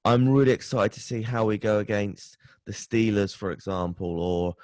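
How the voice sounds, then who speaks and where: Man, British accent, tired and hungover, casual sports chat, halting delivery, close dry sound. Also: on the low side, a little mellow, dry recording. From United Kingdom. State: tired and hungover, short of sleep. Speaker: podcast guest, sports fan podcaster.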